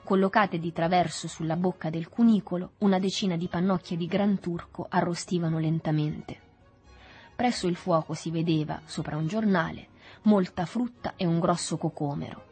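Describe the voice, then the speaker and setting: A woman reading a novel aloud in a measured, even storytelling manner. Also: on the low side, slightly rough, soft background music. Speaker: audiobook reader. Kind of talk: literary audiobook narration.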